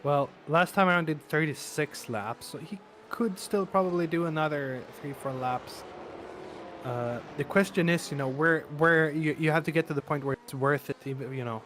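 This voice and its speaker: A man calling a sim race live, talking through his race-day hoarseness with lots of fillers and restarts. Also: on the high side, normal speed. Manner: excitable, many fillers and restarts. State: voice wearing out. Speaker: race commentator. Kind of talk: live sim racing commentary. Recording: noisy stream with engine sounds. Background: race car engine noise.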